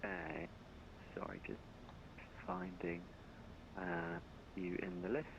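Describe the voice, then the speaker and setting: A male air traffic controller reading out clipped radio instructions in a lowish voice, his mic dropping out so the volume jumps up and down. The sound is a dull, lo-fi radio line with clear hiss underneath. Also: sing-song. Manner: brisk, routine, fumbles briefly when searching. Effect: mic keeps cutting out, uneven volume.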